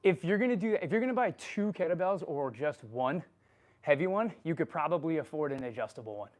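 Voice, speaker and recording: Man, fairly high voice, out of breath, casual profane livestream chat, workout at home. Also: lively intonation, fairly quick, darkish tone. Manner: casual and profane, laughing often. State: out of breath from exercise. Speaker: fitness coach answering live chat. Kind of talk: casual livestream Q&A while working out.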